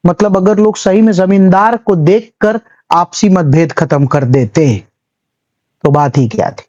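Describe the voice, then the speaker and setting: A civil services exam history teacher gives a chatty classroom lecture, telling little stories, acting out small scenes and slipping English terms into his talk. His voice is high-pitched and a little mellow, his pace measured, and the recording has its highs cut off.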